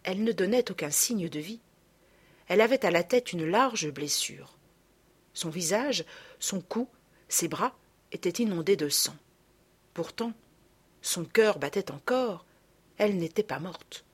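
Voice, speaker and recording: A woman narrating a classic children's storybook in a measured, expressive reading. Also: fairly low pitch, breathy edge. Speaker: audiobook reader.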